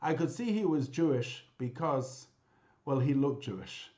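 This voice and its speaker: A man, a rabbi, giving a memorial talk with lively storytelling, mixing in Hebrew and Yiddish terms, heard over a video call. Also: medium pitch, measured pace, lo-fi sound. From Britain.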